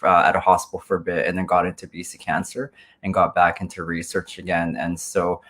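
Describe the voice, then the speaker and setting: A man in his forties, a guest on a video-call interview, talking casually with many ums and restarts. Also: deep voice. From Canada. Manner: hesitant, many ums and self-corrections.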